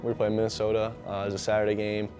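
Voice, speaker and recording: A man's voice: on the low side, monotone, rapid-fire, a little mellow, faint music behind. A young man from Turkey giving casual interview answers as a college athlete. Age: young adult.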